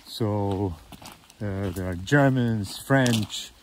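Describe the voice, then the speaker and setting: A man in his fifties vlogging as he hikes a forest trail, talking slowly with many "uh" fillers, filmed on a phone held at arm's length. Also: lowish voice, a little mellow, a little hiss or hum. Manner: slow and halting, many "uh" fillers. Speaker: hiking vlogger. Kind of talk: casual walking vlog. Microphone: phone camera held at arm's length.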